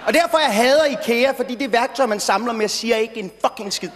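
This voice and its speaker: A young man doing a brash, rambling stand-up routine on stage, sometimes stuttering when worked up. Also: extremely high pitch. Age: young adult. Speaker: stand-up comedian. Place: stage in a large hall before an audience. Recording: reverberant hall, faint noise.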